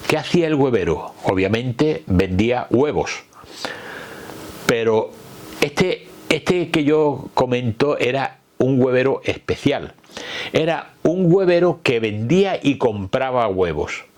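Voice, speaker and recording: An older man from Málaga with an Andalusian accent, giving an informal local history talk in a halting way, repeating words as he searches for the next. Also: mid-range voice, animated, darkish tone. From Málaga, Spain. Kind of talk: informal talk recalling old street vendors.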